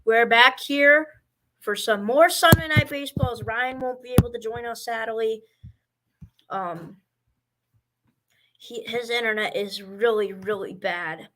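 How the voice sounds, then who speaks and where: A man's voice: very high voice, measured pace, pauses often, bright, forceful tone. A man doing amateur baseball play-by-play commentary, rambling and stumbling over player names.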